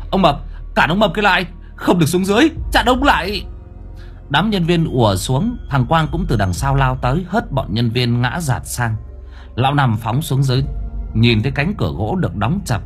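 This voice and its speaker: A male narrator tells a ghost story with an animated, lively voice that rises and falls through the action. Faint music sits under the reading. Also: mid-range voice. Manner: vivid, expressive storytelling. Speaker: audiobook narrator.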